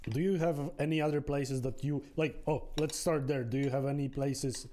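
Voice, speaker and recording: A man hosting a podcast, interviewing a guest over food with slow, searching phrasing and restarts. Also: mid-range voice, fairly even intonation, noisy background. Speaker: podcast host.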